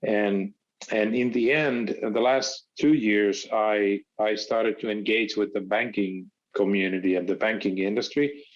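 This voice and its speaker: Low-voiced man. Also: steady tone, unhurried, highs cut off. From Finland. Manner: hesitant, many fillers, methodical. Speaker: startup founder, guest.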